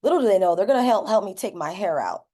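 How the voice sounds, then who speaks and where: A woman's voice: mid-range voice, expressive, fast, dark tone. A young woman talking casually and reflectively about personal experience on a video call. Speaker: guest speaker sharing experience.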